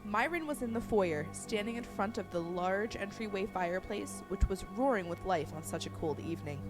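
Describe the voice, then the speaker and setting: A woman storyteller narrating a horror story in a suspenseful way, growing hushed at tense moments. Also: mid-range voice, expressive, moderate pace. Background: music.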